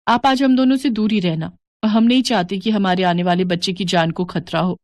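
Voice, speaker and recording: A woman's voice: medium pitch, normal speed, darkish tone, dry recording, natural voice. A woman voicing a young, pregnant, rich daughter-in-law who talks politely but dismissively.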